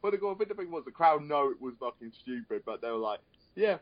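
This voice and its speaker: A man's voice: mid-range voice, sing-song, fast. A man co-hosting a casual wrestling chat, rambling and repeating phrases for emphasis. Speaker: podcast co-host. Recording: dull, lo-fi audio.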